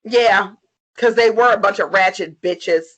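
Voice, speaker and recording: A woman's voice: medium pitch, unhurried, fairly bright tone, muffled recording. A tipsy woman co-hosting a casual review chat, swearing freely and repeating herself emphatically as she gives her opinions. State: tipsy, getting drunker. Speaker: podcast co-host.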